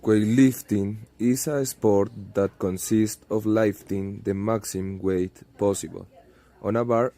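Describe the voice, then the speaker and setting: A man's voice: fairly low pitch, mellow. A man reads a prepared explanation aloud in English, carefully, in short phrases.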